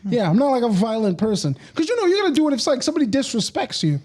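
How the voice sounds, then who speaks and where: A man's voice: very high voice, sing-song, very fast, a little mellow. A young man chatting casually as a podcast guest, laid-back, laughing often and full of fillers. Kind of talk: casual chat.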